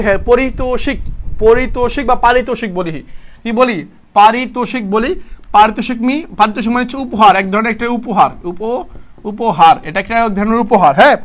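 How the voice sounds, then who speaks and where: A young man with a Bangladeshi Bengali accent teaching an online exam-prep vocabulary class. He repeats his questions to the students and corrects himself as he goes. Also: sits high. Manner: repeats questions to students, talks to them as "bhaiya"; casual, self-correcting explanations.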